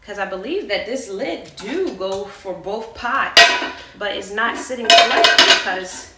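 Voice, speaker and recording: An American woman in her thirties, a vlogger, unboxes items in a carpeted living room with casual, chatty, playful commentary. Her medium-pitched voice is expressive and unhurried. Because the camera is a few meters away, the audio is distant and echoey, and loud clattering from handling cuts through.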